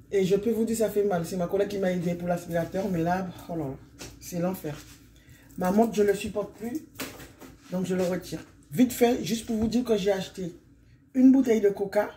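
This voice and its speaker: A hoarse, middle-aged woman from Guadeloupe chatting casually in a vlog, rambling and often wrapping up her points. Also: mid-range voice, dark tone, slight background noise. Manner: chatty and rambling, often sums up with "donc voilà". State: hoarse from illness. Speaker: vlogger.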